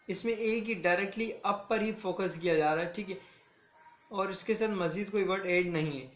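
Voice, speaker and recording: Male schoolteacher, fairly high voice, slow deliberate drilling of words; echoey room. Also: fairly bright tone. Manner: slow, deliberate word-by-word reading and repetition. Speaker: school English teacher. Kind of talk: online classroom lesson.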